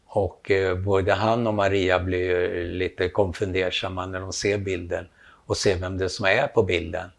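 A man's voice: sits low, gravelly. A man telling a long anecdote, acting out the dialogue as he goes. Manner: animated storytelling, acts out quoted dialogue. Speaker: storyteller, photographer.

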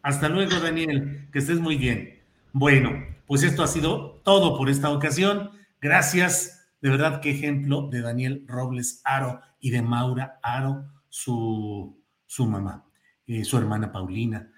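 A man with a Mexican accent hosting an interview, effusive and wordy with formal courtesy. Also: measured pace. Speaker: program host. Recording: roomy echo, faint rumbling noise.

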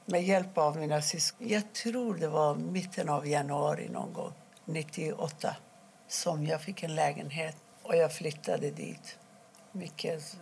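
A middle-aged woman from Iran, telling her own story in an interview, quietly and haltingly, with many pauses. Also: sits low, creaky, slight background noise. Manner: halting, quiet and emotional, pausing often. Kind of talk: personal testimony interview.

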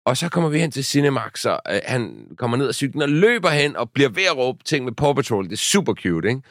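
A man's voice: mid-range voice, big pitch swings, no room sound, studio quality. A man in his thirties, a podcast co-host, telling a story in casual chat with many fillers and restarts.

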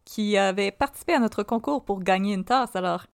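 A woman's voice: medium pitch, brisk, gravelly. A woman with a Québécois French accent co-hosting a podcast, upbeat and teasing, laughing often. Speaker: podcast co-host. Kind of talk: casual chat.

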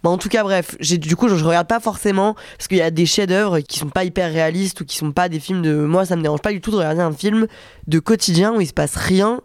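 A woman's voice: fairly low pitch, a little mellow, no room sound, clean studio sound. A young adult woman hosting a podcast in a casual, rambling, self-deprecating way, with a nose blocked by a cold. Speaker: podcast host. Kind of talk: casual chatty solo monologue. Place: hotel room.

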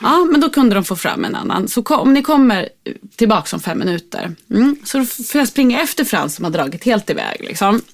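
A woman tells a story from her own life in an easy, chatty way. Her pitch jumps around a lot, and she slips into the voices of the people she is describing. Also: gravelly. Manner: animated, acts out voices in the story. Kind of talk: casual storytelling chat.

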